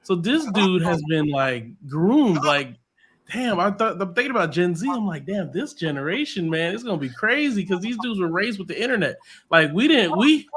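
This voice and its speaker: Bright-voiced man rambling in casual chat. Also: high voice, big pitch swings, moderate pace, slightly rough. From United States. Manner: loose, rambling, many restarts and fillers. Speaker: podcast co-host.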